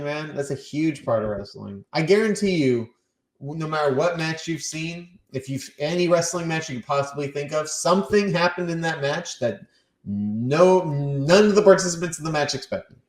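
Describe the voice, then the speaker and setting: Male wrestler guest, lively storyteller, a bit high, roomy echo. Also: normal speed. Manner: animated storyteller, acts out his own shouted lines. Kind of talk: casual podcast chat.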